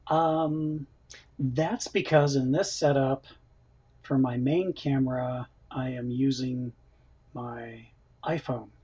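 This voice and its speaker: A man with a mid-range, slightly mellow, husky voice hosts a casual cooking livestream from his home kitchen, eating while he chats. He reads out viewer comments and laughs a lot. The built-in camera mic gives the audio a dull, lo-fi quality.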